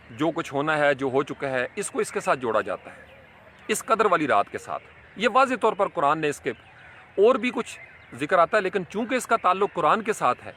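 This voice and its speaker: A man's voice: sits high, pushed and bright, slight background noise. A man giving a reflective religious lecture, explaining Quranic verses and mixing in English terms. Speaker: Islamic scholar.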